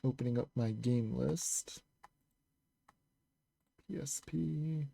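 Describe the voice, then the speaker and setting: Gravelly-voiced male game streamer. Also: mid-range voice, slow, dark tone. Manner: chatty, talks to chat while playing. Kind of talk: casual game stream chat. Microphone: headset. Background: game music.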